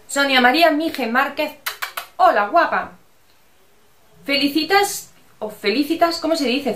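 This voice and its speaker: A chatty, affectionate middle-aged woman from Spain, casually answering her viewers, with a Spanish accent that slips into Andalusian at times. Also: on the high side. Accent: Spanish from Spain, with Andalusian touches. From Barcelona, Spain. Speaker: vlogger answering viewer comments. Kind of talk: casual chat. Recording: roomy echo.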